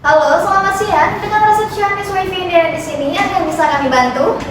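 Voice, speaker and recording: A woman's voice: very high voice, fast. A woman playing a polite, apologetic wifi receptionist in an amateur role-play, speaking in a formal customer service voice. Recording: very echoey, distant, noisy room.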